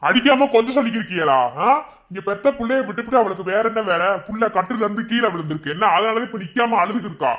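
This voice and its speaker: A man's voice: high voice, fast, a bit bright. A man playing a hot-tempered accusing husband. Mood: angry. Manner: angry, accusing, quarrelsome. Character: hot-tempered young husband blaming his wife. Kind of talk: amateur village drama acting.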